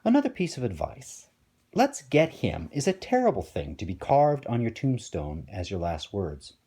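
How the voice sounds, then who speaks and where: A man's voice: mid-range voice, wildly swooping pitch, moderate pace, warm tone, slightly rough, full character voice. A man reading a storybook aloud, voicing a brash young male Greek hero with dry, sarcastic quips. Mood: wry.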